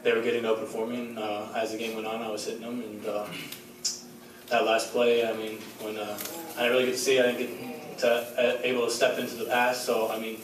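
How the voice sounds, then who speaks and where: A young man in his twenties answering questions at a post-game press conference, halting and self-critical with many fillers. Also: mid-range voice, monotone. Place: large echoey press room. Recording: echoey room, distant mic, background noise.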